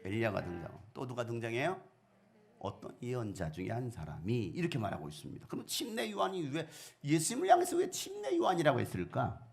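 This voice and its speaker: A man's voice: medium pitch, quick pace, vocal fry, faint music behind. A middle-aged man preaching a sermon as pastor, asking the congregation questions and acting out the voices in the story. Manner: animated, acts out quoted voices, asks the congregation questions.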